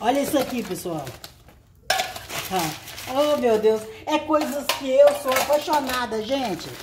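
Woman vlogger, higher voice, slow unhurried talk, effusive casual chat. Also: animated, heavy background noise. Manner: effusive, exclaiming over each gift. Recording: echoey room.

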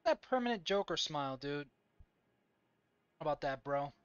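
A man's voice: on the high side, animated, moderate pace, clean tone, no echo, dull audio. A young man doing casual, slangy, sweary live commentary while streaming a video game. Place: indoors at a gaming chair, headset on.

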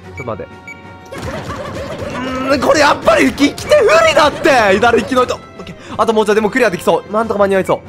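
Man, game commentary, laughing often, wide swinging pitch. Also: fast, over music. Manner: excitable, laughing, talks to himself. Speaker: game streamer. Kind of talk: casual gameplay commentary.

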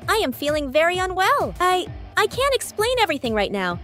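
Brief: a woman playing a stammering, jittery cartoon emotion, very high voice that leaps around. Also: wildly swooping pitch, a little fast, fairly bright tone, faint music behind, exaggerated voice. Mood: frantic. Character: frantic overworked female emotion Anxiety. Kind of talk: fan comic dub.

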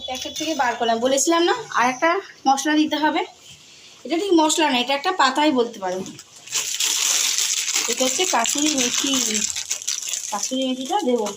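A woman's voice: high voice, moderate pace, long pauses. A middle-aged woman, a mother cooking at home for her vlog, chatting casually and checking that viewers follow along. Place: home kitchen. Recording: kitchen background noise.

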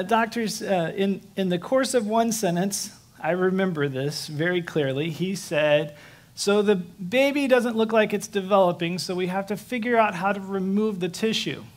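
A pastor preaching a sermon, telling a personal story in an earnest, conversational way with frequent restarts. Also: male voice, high-pitched, creaky.

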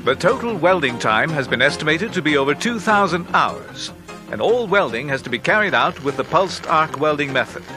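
A man narrating an industrial training film in a measured, instructive way, as a studio voice-over. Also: on the high side, big pitch swings. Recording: faint music behind narration.

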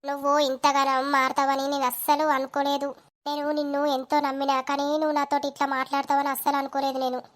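A woman doing a tearful high-voiced village woman. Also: completely flat delivery, a little fast, natural voice. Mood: hurt. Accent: Telangana Telugu. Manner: defensive, wounded. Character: tearful village woman, Latha, torn and defensive. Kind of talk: animated village comedy dialogue.

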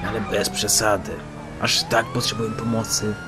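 A man delivers joking, mock-boastful gameplay commentary in a low-leaning, flat voice at a moderate pace. Loud game sounds of engines and sirens fill the recording.

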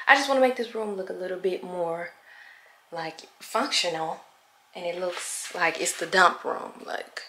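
Talking straight to her audience in a chatty way, this home renovation vlogger works on a room in her house. Her voice sits in the mid-range, and there's background noise in the indoor recording.

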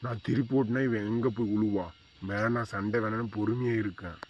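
A man's voice: fairly low pitch, steady tone, fairly quick, dull audio, noisy background, close to an everyday voice. A man voicing a tired, grumbling husband and father in a cartoon comedy, complaining and scolding.

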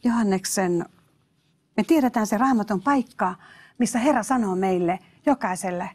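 A woman's voice: mid-range voice, a little mellow. A woman preacher giving a sermon, emphatic, exclaiming hallelujahs and speaking straight to her listeners.

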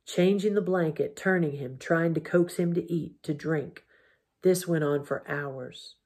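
A woman teacher reading a novel aloud to her students in a calm, measured way, with a husky voice. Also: low voice. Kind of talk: storybook reading.

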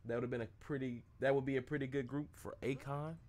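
A man's voice: medium pitch, steady tone, fast talker, darkish tone. A young man streaming a video game, chatting casually in a rambling, jokey way. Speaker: gaming streamer. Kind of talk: casual gameplay commentary.

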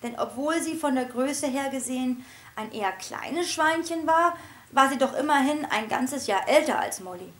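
A woman reads her own children's book aloud in a lively storybook narration. Her voice sits high and stays expressive, with animated shifts in pitch. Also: normal speed.

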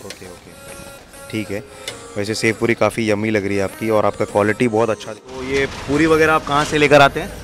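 A man's voice: on the low side, fairly even intonation, music in the background. Chatty young man vlogging street food. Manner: chatty, enthusiastic, asks quick questions. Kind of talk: casual street food vlog. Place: outdoors on a city street. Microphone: handheld lapel mic.

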